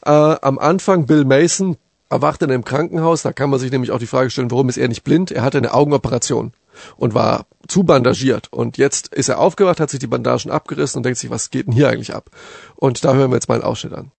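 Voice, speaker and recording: Gravelly man chatting about a book. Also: medium pitch, fast talker, dry recording. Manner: lively, conversational, with fillers. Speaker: radio host discussing a book. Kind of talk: casual spoken book discussion.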